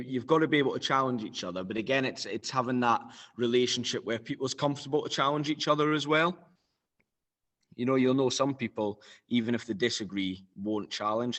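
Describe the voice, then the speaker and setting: A man's voice: mid-range voice, fairly bright tone, poor audio. A man leading a casual discussion among coaches on a video call, chatty and thinking aloud as he goes.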